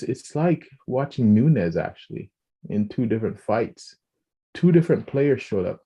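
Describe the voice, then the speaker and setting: A man co-hosting a podcast, talking in a casual, animated way, often restarting and repeating words and acting out quoted speech. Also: fairly low pitch. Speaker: podcast co-host.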